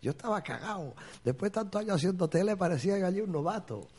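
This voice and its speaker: A comic actor, telling earthy, swear-filled anecdotes in a casual interview and acting out quotes. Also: male voice, high-pitched, animated, quick pace, a little mellow, husky.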